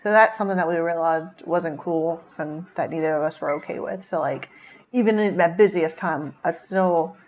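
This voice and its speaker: A woman's voice: on the low side, normal speed, a little mellow. Chatty woman co-hosting a podcast. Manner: talkative, rambling, laughs often. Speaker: podcast co-host. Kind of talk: casual chat.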